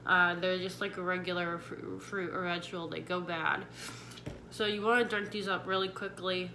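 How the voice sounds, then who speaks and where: Her voice sits fairly low with little pitch movement as she talks at normal speed, casually explaining things to viewers. She's a week into jaw surgery recovery and sharing tips, with clear background noise in the recording.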